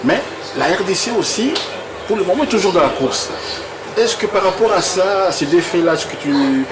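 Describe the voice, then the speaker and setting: Halting Congolese-born male interviewer. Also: high-pitched, lively intonation. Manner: halting, repeats words while searching for phrasing. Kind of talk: conversational interview, reading viewer questions. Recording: noisy room with air conditioning.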